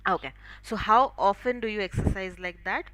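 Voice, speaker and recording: A woman with a Marathi-tinged Indian accent teaching English in an online class, explaining phrases and pronunciation briskly. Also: medium pitch, a bit bright, dry recording, low-quality recording.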